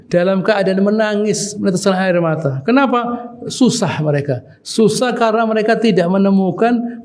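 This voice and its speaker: A man's voice: sits high, a little mellow. A man giving a weekly Quran commentary sermon in a small prayer hall, talking conversationally and often repeating "begitu ya". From Indonesia. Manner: conversational, repeats "begitu ya", chuckles while teaching. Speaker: ustad teaching Quran commentary.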